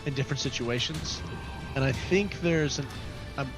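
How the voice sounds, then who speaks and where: A man's voice: medium pitch, normal speed, music in the background. A man playing in a tabletop game, hesitant and rambling with fillers. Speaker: player. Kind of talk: casual tabletop play.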